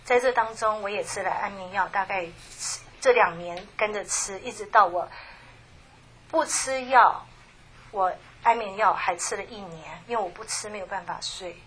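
A middle-aged woman gives a personal faith testimony at a church gathering, speaking softly and haltingly with many restarts. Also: medium pitch, a little hiss or hum. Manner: halting and soft, with many restarts and trailing phrases. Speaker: church member giving a testimony.

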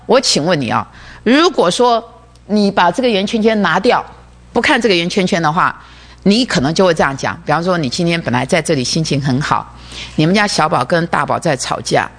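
Animated preacher teaching off a diagram, keeps asking "you know?", stumbles and repeats words. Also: mid-range voice, brisk. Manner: repeats words, frequent rhetorical questions.

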